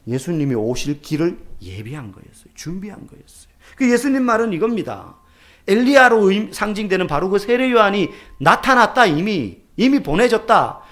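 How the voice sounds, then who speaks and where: A man preaching a sermon as pastor, asking rhetorical questions and sometimes dropping to a soft near-whisper. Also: high-pitched.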